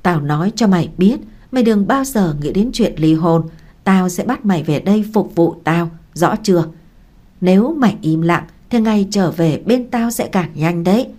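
A woman's voice: lowish voice, lively intonation, normal speed, dark tone. A woman voicing a violent young husband who snarls threats in harsh, menacing tones.

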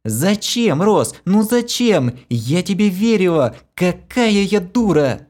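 A man voicing a young female paladin, fierce and suspicious, shouting accusations in a high strained voice. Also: sing-song, takes it slowly, heavily acted. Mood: tearful fury. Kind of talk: audiobook character voice.

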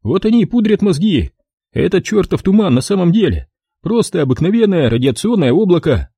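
A man's voice: sits high, sing-song, brisk, mellow, breathy edge, no echo, studio quality, voice pushed up, exaggerated voice. A man doing a cheeky, sly young soldier. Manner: sly, mocking, rattles on. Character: cheeky young male soldier, mocking know-it-all.

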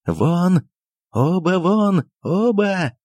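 A man voicing an aging doctor who is bitter and weary, who shouts shrilly in fits and otherwise speaks in a tired, resigned way. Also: medium pitch, animated, normal speed, creaky, slightly rough, no room sound. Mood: furious shouting.

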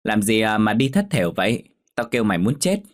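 A man voicing a blunt, outspoken young woman friend who exclaims loudly. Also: lowish voice, very animated, fast talker. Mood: teasing.

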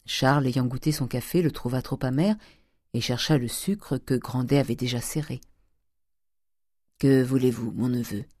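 A man narrating a classic novel as an audiobook in a measured, even way. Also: medium pitch, dry recording, clean studio sound. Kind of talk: scripted narration.

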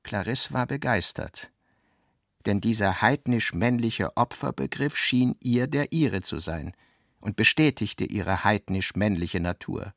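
A man's voice: fairly low pitch, expressive, measured pace, gravelly, a bit bright, dry recording, studio quality. Man narrating a literary radio play.

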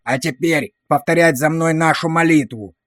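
A man's voice: a little high, normal speed, fairly bright tone, no room sound, studio quality, natural voice. A man voicing a harsh, abusive drill sergeant who barks orders and insults at recruits. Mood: barking.

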